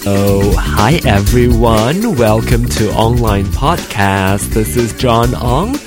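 Speaking slowly in a lowish voice with lively intonation, a Malaysian-born man in his thirties talks over music on his casual solo podcast. He rambles, corrects himself and chats with frequent fillers, using in-ear headphones and a desk mic.

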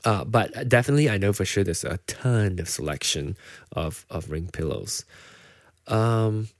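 At a normal speed, a man hosting his own podcast talks casually by himself in a deep, low voice, his Malaysian English accent tinged with American. He rambles, restarting often and filling gaps with ums. The recording is close and dry, free of room sound.

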